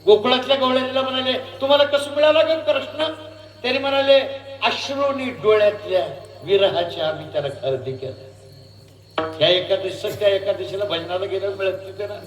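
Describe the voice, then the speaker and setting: A man giving a devotional kirtan sermon, moving between sung verses and spoken preaching, asking the audience questions in an animated way. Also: high-pitched, brisk, roomy sound.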